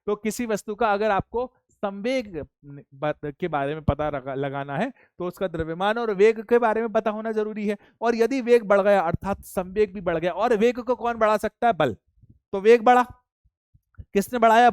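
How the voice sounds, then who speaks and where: A high-pitched man gives a physics lecture, saying each key point twice and coaxing his students along. The sound is dry and close, with no room echo. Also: normal speed, hardly any pauses, smooth. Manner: repeats key points, addresses students as children. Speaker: physics teacher. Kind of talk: classroom lecture.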